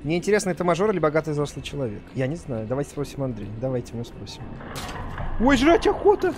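A man in his thirties doing casual live game commentary, joking and swearing as he reacts out loud. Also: fairly high pitch, racing. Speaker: game streamer. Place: indoor room, streaming setup. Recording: music and game sounds behind. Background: game music and effects.

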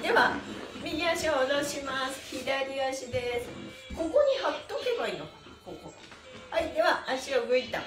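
A middle-aged woman with a high voice leads a live stretch class as its instructor and livestream host, sitting on a mat in a small, bare-walled indoor room that gives her voice a reverberant sound. She's cheerful and giggly, chatting to herself between the instructions she chants.

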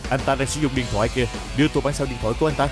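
A man's voice: medium pitch, steady tone, rapid-fire, close to an everyday voice. A male voice actor dubbing a cocky young male detective who talks in a playful, chatty way, over background music. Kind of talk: dubbed drama.

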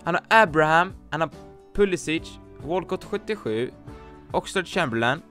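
A man's voice: fairly high pitch, lively intonation, bright, forceful tone. A man reviewing viewers' football game teams in casual commentary, blunt and joking, swearing often and mixing in English slang. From Sweden. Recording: faint music behind.

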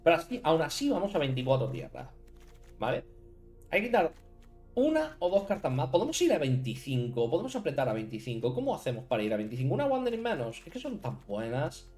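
A man's voice: a little high, huge pitch swings, fairly quick, a little mellow, soft background music. A man from Spain with a Spanish accent, chatting casually on a live stream while building a card deck and talking to viewers. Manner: chatty, thinks aloud, talks to chat viewers by name.

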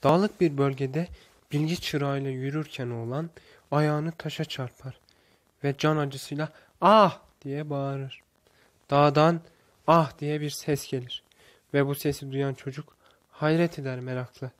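A man narrating a religious parable in slow, measured scripted storytelling, raising his voice for the shouted lines. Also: mid-range voice, steady tone.

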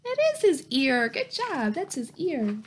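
A woman in her thirties, reading to young children as a teacher, works through a picture book in an encouraging, sing-song style with simple questions and praise. She has a high voice with big pitch swings and keeps a measured pace. She's recorded at home in a small, plain room via a webcam or laptop mic at arm's length.

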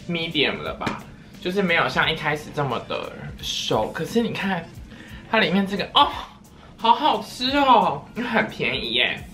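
Young woman, low bright voice, playful eating vlog, faint music behind. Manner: animated, playful, drifts into sing-song silly voices. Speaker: vlogger. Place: at home.

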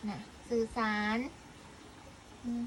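A woman's voice: takes it slowly, noisy background. A woman chatting casually and playfully, coaxing a cat with short repeated phrases. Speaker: cat vlogger talking to a stray cat and viewers. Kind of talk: casual pet chat, cooing questions to a cat.

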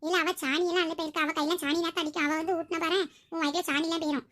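A woman's voice: very high-pitched, level tone, rapid-fire, a bit bright. A woman voicing an impatient father who coaxes and scolds his small son at mealtime. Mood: coaxing. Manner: coaxing then scolding, exasperated.

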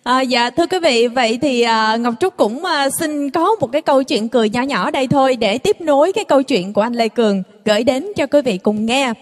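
A woman co-host tells a joke from a stage in a polite, formal manner. Her voice is very high, and she hesitates often with fillers. A long hall reverb trails each phrase. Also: fairly quick, hardly any pauses. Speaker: co-host telling jokes. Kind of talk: stage joke telling to an audience.

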